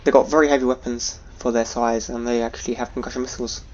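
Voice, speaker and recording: A man's voice: medium pitch, flat delivery, quick pace, highs cut off. A man giving casual commentary on his own gameplay, muttering running orders to his units. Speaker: video game player narrating own gameplay. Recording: game battle noise behind voice. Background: space battle sounds and unit voices from the game.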